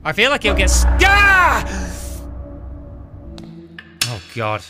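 Scared British horror game streamer, wildly swinging pitch. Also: male voice, wildly swooping pitch, quick pace, over loud music. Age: young adult. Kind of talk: live gaming commentary. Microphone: close desk microphone, headset on.

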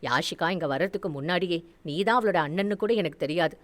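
A woman voicing a gentle, anxious older household woman who pleads and apologises softly. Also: lowish voice, fairly quick, pitched below the performer's own voice, close to an everyday voice. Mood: apologetic.

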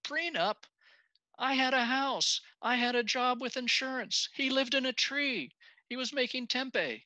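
A man's voice: very high voice, measured pace, pushed and bright, no echo, pitched above the performer's own voice, full character voice. A man putting on the voice of his scoffing, indignant wife during a lecture. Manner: indignant, mocking. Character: scoffing woman, the speaker's wife.

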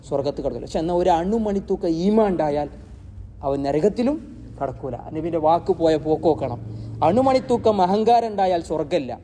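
A man teaching a Quran lesson, posing rhetorical questions and answering them himself, and reciting Arabic verses slowly. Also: a little high, warm tone, slight background noise.

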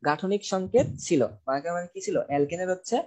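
A man's voice: high-pitched, brisk. A man teaching an online chemistry class, asking questions and repeating the key answers to his students. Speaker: chemistry tutor.

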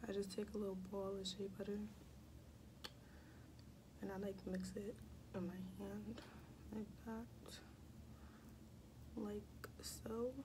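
A young woman chatting casually in a vlog, often dropping into soft whispers, in a small dorm room. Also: mid-range voice, little pitch movement, slow, long pauses, noisy background. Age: young adult. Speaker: vlogger.

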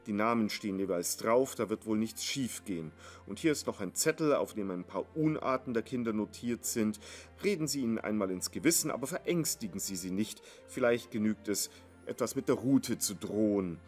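A man voicing a hurried middle-aged businessman father who briskly gives instructions. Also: on the low side, lively intonation, a little mellow, soft background music, lightly acted.

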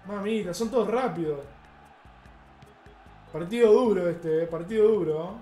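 Brief: Argentine male gaming streamer, very high voice, loud excitable play-by-play, echoey room with game music underneath. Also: measured pace. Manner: loud cheering, yelling at the referee. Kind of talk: excited live gameplay commentary.

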